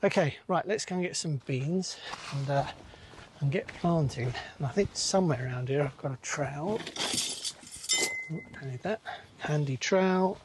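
An easygoing man chats his way through garden work outdoors, pausing with lots of ums and yeahs as he thinks aloud. His voice sits a little high for a man, and a faint hiss stays behind him. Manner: chatty, easygoing, thinks aloud with many fillers. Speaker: allotment gardener, channel host. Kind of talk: casual narration while gardening. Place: outdoors on an allotment plot.

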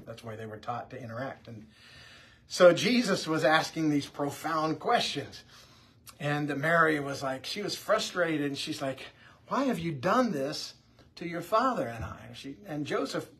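A man, a pastor, teaching about the Bible in a relaxed, conversational way, often restarting his sentences. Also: medium pitch, husky. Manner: conversational, with frequent restarts and fillers.

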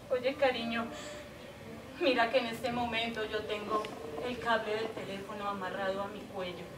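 A woman's voice: a little high, fairly even intonation, unhurried, long pauses, lightly acted. Actress as a heartbroken woman on the phone. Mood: tender. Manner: emotional, swings between tender pleading and desperate outbursts. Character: heartbroken woman pleading with her departing lover by phone. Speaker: stage actress. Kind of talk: stage monologue acting. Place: theater stage. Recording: echoey stage from far off, audible noise.

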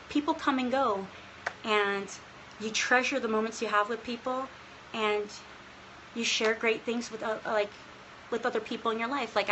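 A woman in her late thirties talks to fans on a phone livestream from a small room, earnest and openly emotional. Her voice is bright and slightly high. A faint noise sits under the close phone mic. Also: rough recording. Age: 30s. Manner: emotional and earnest, laughing often, near tears. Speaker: livestream host answering fans. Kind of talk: casual livestream Q&A. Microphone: phone held close, front-facing.

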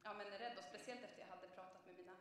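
A woman's voice: mid-range voice, fairly even intonation, a bit bright, slight background noise. A young woman preacher giving a conversational sermon, telling a personal story with frequent hesitations. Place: church. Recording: echoey church from a distance.

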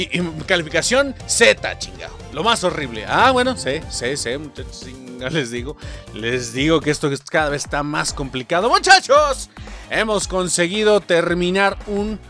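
Excitable Mexican gamer with a high voice. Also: male voice, moderate pace. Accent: Mexican Spanish. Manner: excitable, swears and shouts at the game. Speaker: gaming streamer. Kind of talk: let's play commentary. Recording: game music loud behind the voice. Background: game music.

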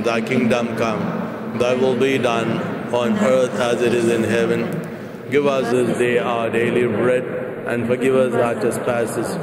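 Priest with a cathedral echo. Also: male voice, mid-range voice, heavy background noise. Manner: measured, solemn recitation. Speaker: priest celebrating Mass. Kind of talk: liturgical prayer recitation. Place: large church. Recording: long reverb of a large church.

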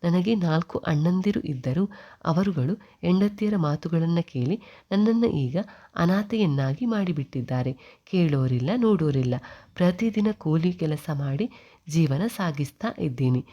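A woman's voice: sits low, lively intonation, unhurried, highs cut off. Woman voicing a tearful grieving widow. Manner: tearful pleading.

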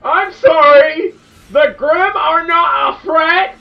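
Excitable young man reacting at home. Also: extremely high pitch, takes it slowly, creaky, distant mic, dull audio, faint music behind. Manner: excitable, loud outbursts, restarts mid-sentence. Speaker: reaction video host. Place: small indoor room at home. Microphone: headset.

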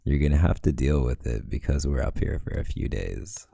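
Super deep gravelly guy doing a whispered role-play, slow and teasing. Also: animated, warm tone, no room sound, clean studio sound. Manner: playful, teasing, affectionate boyfriend talk. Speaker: audio role-play creator.

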